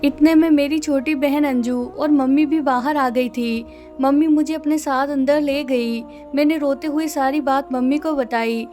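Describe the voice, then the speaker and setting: Woman storyteller, high pitch, steady measured narration over faint music. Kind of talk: scripted first-person story narration.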